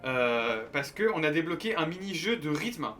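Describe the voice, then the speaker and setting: A man's voice: on the high side, very animated, moderate pace, fairly bright tone. A young man from France, streaming a game and chatting casually with his viewers in a joking, rambling way, full of restarts. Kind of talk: casual gameplay commentary to chat. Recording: light game music behind.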